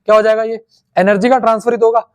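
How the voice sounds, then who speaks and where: Man, high voice, teaching a class, quizzing students back and forth. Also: level tone. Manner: quizzing students with rapid questions and answers. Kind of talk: online class lecture.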